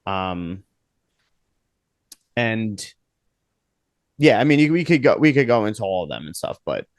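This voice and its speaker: A man's voice: lowish voice, sing-song, unhurried, no room sound. A man co-hosting a casual podcast, who talks in loose rambling sentences full of fillers. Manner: rambling, lots of fillers like "you know" and "kinda". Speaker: podcast co-host. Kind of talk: casual chat.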